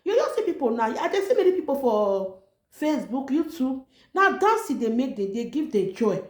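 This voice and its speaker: This online motivational vlogger has a high-pitched, sing-song voice and talks at normal speed. She speaks Nigerian Pidgin with a Nigerian accent, giving an informal pep talk that is emphatic, repetitive, and exhorting, recorded in an echoey room.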